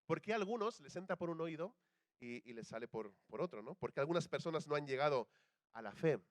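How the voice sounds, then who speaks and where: This young man with a Spanish accent from Spain keeps his sermon brisk and conversational, posing questions to the congregation and voicing quoted speakers. His slightly high voice has lively intonation, with no room sound.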